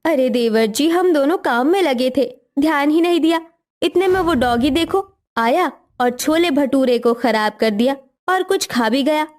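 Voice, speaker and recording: A greedy young daughter-in-law from a cartoon story, voiced by a woman. Her voice is high and girlish, and she gushes over food. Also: animated, normal speed, darkish tone. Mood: panicky.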